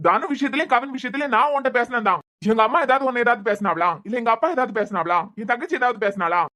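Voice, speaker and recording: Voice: medium pitch, quick pace, sharp tone, natural voice. A performer voicing a young husband who is a police officer in a cartoon series, defensive and pleading, with a Kanyakumari Tamil accent. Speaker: cartoon character. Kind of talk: cartoon web series dialogue.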